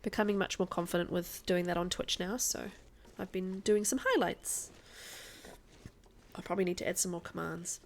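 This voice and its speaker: A woman's voice: on the low side, normal speed, slight background noise. A woman with a mild New Zealand accent, chatting casually and jokily as she streams a game live. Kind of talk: casual livestream chat over gameplay.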